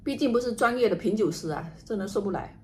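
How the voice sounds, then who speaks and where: A woman chatting casually to camera while she eats and drinks, musing in an unhurried way with murmured asides. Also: medium pitch, expressive, warm tone. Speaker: vlogger doing an eating and drinking livestream. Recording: noticeable background noise, home ambience.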